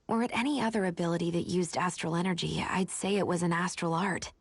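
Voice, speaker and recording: Blunt, lowish-voiced young heroine. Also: female voice, steady tone, fast talker, breathy edge, no echo. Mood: curt, matter-of-fact. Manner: curt, matter-of-fact. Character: brisk, blunt young woman with little patience. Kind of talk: video game voice acting.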